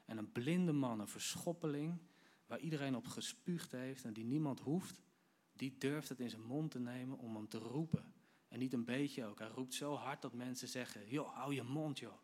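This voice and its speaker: A man's voice: mid-range voice, moderate pace. A man giving a sermon, retelling a Bible story vividly and speaking directly to his listeners. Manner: lively storytelling, acts out quoted lines; addresses the audience directly. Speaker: preacher.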